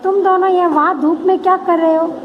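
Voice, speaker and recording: A stern mother in a storybook lesson, told with a very high voice, as a woman teacher reads her lines. She scolds her children, and the lines come in a storytelling lilt. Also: fairly even intonation, brisk, narrow, tinny audio, a little hiss or hum. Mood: calling.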